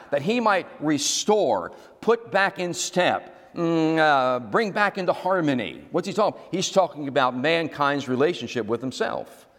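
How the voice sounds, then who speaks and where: A male pastor preaches to his congregation, explaining a word slowly and then repeating it. He checks that his listeners follow and asks them to say it back to him. His voice sits a little high and carries a long hall reverb. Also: a bit bright. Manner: teaching, repeats key words, asks the congregation to respond. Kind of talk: sermon.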